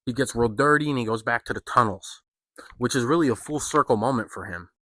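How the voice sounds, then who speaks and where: A man's voice: medium pitch, brisk, fairly bright tone, dry recording, clean studio sound. A man giving a casual spoken film review, loose and profane, full of fillers and slang. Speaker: movie reviewer.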